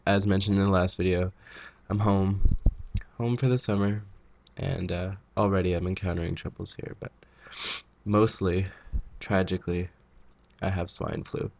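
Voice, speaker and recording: A man's voice: low voice, steady tone, moderate pace, vocal fry, long pauses, a little hiss or hum. A young man with a cold and a nasal voice, ranting sarcastically in a casual vlog. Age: young adult. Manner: sarcastic, jokey asides. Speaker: vlogger.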